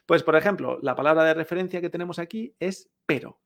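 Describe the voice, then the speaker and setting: Lively Spanish-speaking Chinese teacher, gravelly. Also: female voice, low voice. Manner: lively, drills words slowly, frequent tag questions. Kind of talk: podcast lesson.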